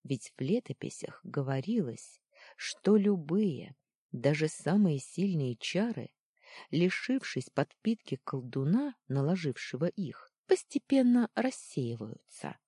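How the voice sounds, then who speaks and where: An audiobook narrator reading a children's fantasy story with expressive, lively storytelling. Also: medium pitch, slow, husky, no room sound, studio quality.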